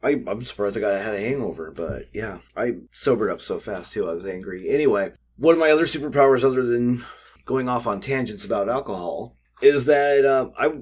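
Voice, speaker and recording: A man's voice: mid-range voice, expressive, fairly quick, a little mellow, husky. A man in his forties co-hosting an unscripted convention chat, telling rambling, jokey stories. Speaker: podcast co-host.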